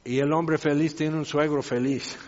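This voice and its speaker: A man's voice: on the high side, fairly even intonation, moderate pace, darkish tone. A man preaching a sermon in a conversational way with wry asides, recorded in a church hall. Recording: reverberant hall, dull lo-fi sound.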